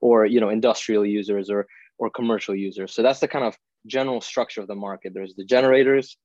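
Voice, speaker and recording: A man's voice: lowish voice, fairly even intonation, fast, darkish tone, no echo, lo-fi sound. A young man from India, raised in Italy, talking as a podcast guest and explaining things with everyday examples and many "you know"s. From born in India, grew up in Italy. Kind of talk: conversational explanation.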